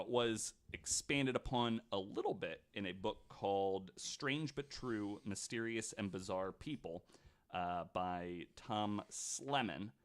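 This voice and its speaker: A podcast host with a lowish, fairly bright voice tells a story in casual chat, reading quotes aloud and using lots of fillers.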